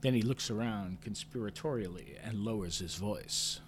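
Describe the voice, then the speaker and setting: A man narrating a story in first person with a measured, understated delivery, lifting sharply when his character asks questions. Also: on the low side, slight background noise. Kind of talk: audio drama narration.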